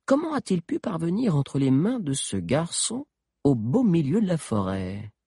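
A man's voice: fairly high pitch, big pitch swings, a little slow, warm tone, husky, no echo, clean studio sound, voice pushed up, heavily acted. A man reading an audiobook and voicing a cruel, scheming sorceress queen with a mocking, menacing manner. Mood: probing. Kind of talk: audiobook character voice.

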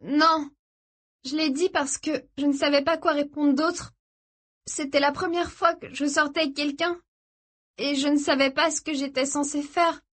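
A woman's voice: high voice, steady tone, moderate pace, a bit bright, pitched above the performer's own voice. A woman reading the part of a frightened young woman who speaks in a strained, pleading way.

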